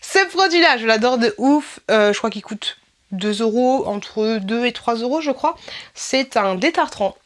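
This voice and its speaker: A woman's voice: on the high side, lively intonation, unhurried. Woman vlogger, casual product review, chatty and informal, frequent laughs, talks straight to the viewer. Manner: chatty, informal, laughs often, many fillers and repeats; addresses the viewer as tu.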